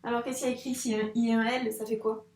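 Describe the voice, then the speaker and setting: A woman teacher leads a reading lesson for young children. She is patient and encouraging and says each word slowly and carefully, with a slightly high voice. The recording carries a roomy echo. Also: level tone, darkish tone. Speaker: first-grade teacher.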